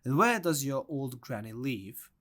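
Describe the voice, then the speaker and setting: A man's voice: medium pitch, big pitch swings, unhurried, fairly bright tone. A man voicing a sly, hungry wolf in a storybook reading.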